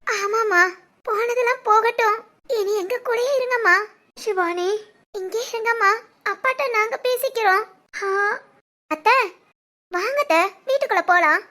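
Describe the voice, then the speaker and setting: Woman putting on a crying mom voice, super high pitched, soft and sorry. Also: a little slow, long pauses, heavily acted. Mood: relieved. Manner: soft, sobbing, pleading. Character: tearful remorseful mother, middle-aged woman.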